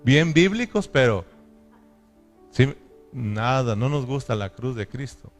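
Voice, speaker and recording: Emphatic pastor preaching. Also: male voice, medium pitch, lively intonation, takes it slowly, faint music behind. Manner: emphatic preaching with repeated call-and-response questions. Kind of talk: sermon.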